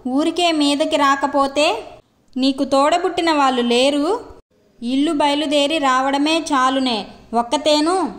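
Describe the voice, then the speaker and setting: A woman's voice: high voice, unhurried. A woman voicing a widowed Brahmin woman on a train who scolds and complains. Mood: scolding.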